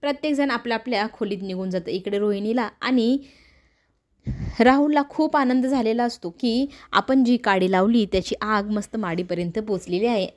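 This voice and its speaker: A woman's voice: a little high, normal speed. A woman narrating a recap of a TV serial episode, retelling each scene and reading the characters' lines in her own voice.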